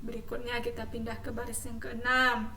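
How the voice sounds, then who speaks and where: A woman Quran teacher leading a class, explaining slowly and patiently and chanting verses in a melodic recitation for pupils to repeat. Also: on the high side, little pitch movement, sharp tone, roomy sound, distant mic, a little hiss or hum.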